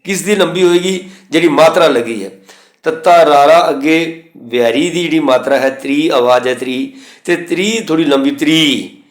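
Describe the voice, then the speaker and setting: A man teaching the pronunciation of scripture, reciting verses slowly and spelling out letters and vowel signs methodically. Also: fairly high pitch, reverberant. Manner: slow chanted recitation of verses between explanations. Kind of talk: recorded lesson on scripture pronunciation.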